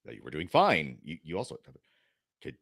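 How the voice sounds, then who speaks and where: A man's voice: extremely low pitch, wildly swooping pitch, normal speed, vocal fry, fairly bright tone, voice pushed down, exaggerated voice. A man voicing an awkward, polite explorer in a comedic podcast skit, stammering and hesitant.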